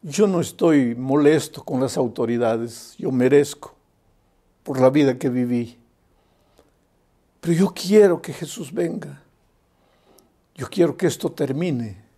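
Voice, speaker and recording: A male preacher delivers an evangelistic sermon in a mellow, dark voice with a gravelly edge. He builds to loud, emphatic appeals and then drops to a hushed tone to tell his story. It sounds like an earnest call from the pulpit. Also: on the high side.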